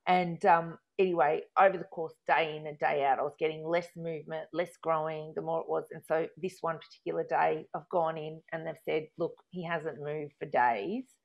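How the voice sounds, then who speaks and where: With a low-pitched, gravelly voice and a level tone, an Australian woman in her thirties speaks a little fast and with few pauses. As a guest, she shares a candid personal story, acting out remembered arguments, on a dull lo-fi recording.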